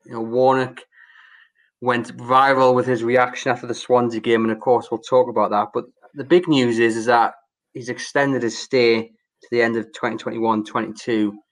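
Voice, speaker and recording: A man's voice: medium pitch, level tone, normal speed, low-quality recording. A man presenting a football podcast in a casual style. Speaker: podcast host.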